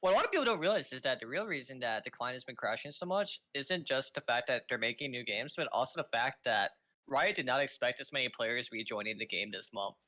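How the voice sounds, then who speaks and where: A man's voice: medium pitch, lively intonation, quick pace, hardly any pauses, pushed and bright. A young man from Los Angeles doing casual esports commentary, joking and rambling, often repeating words as he starts. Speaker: esports shoutcaster.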